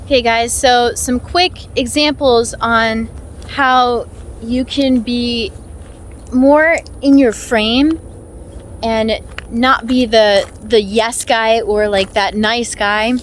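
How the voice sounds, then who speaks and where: Her voice on the high side and steady in tone, an American woman speaks slowly while walking an outdoor hike. She's a vlog host chatting informally to camera with little chuckles, amid outdoor ambient noise.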